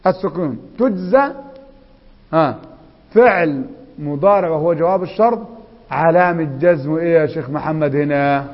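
A man with an Egyptian accent teaching Arabic grammar, quizzing students and reciting examples slowly and drawn out. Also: fairly high pitch. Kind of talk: classroom grammar lesson. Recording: echoey hall, dull lo-fi sound.

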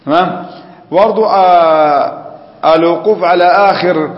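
A man's voice: high voice, unhurried. A man with an Egyptian Arabic accent teaching a religious lesson. He explains step by step, keeps asking the class questions, and chants phrases to demonstrate them. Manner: chants the call to prayer to demonstrate it. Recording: echoey hall, dull lo-fi sound.

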